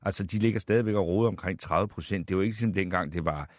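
A man's voice: sits low, no echo, studio quality. A man hosting a radio talk show, questioning his guest in a debate, with frequent restarts. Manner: challenging, lively questioning with restarts. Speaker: radio host. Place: radio studio.

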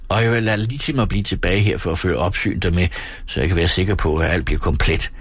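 A man reading an audiobook, voicing a charming, restless young gentleman who talks in a brisk, lightly mocking way. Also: low-pitched, no echo.

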